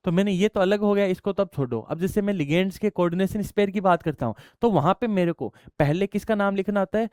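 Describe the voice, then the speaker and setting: Man, chemistry teacher, high voice, smooth, dry close sound, asks and answers his own questions. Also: fast talker, hardly any pauses, darkish tone, no room sound. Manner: explains step by step, asks students questions and answers them himself; addresses students affectionately as child. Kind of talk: classroom lecture.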